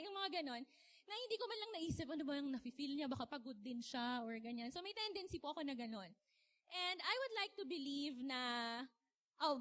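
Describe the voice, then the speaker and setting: A young woman from the Philippines giving a chatty, animated sermon, laughing often and asking her audience questions. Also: sits high. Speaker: speaker. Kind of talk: casual sermon talk.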